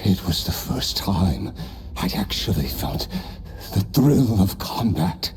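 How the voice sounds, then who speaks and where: In a large hall with slight background noise, a man gives full character voice to an immortal, driven warrior recalling his past for a game. His low voice is very animated yet slow, and he sounds reflective and wry with quiet laughs.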